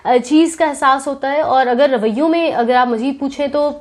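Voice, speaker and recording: Woman, interview guest, high voice, earnest, thoughtful, frequent pauses, mixes in English words. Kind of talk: reflective interview conversation.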